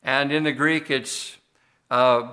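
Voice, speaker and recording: An older man preaching a sermon as a pastor, measured and unhurried, pausing often and restarting his phrases. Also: medium pitch, fairly even intonation, sharp tone. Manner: measured, unhurried delivery with frequent pauses and restarts.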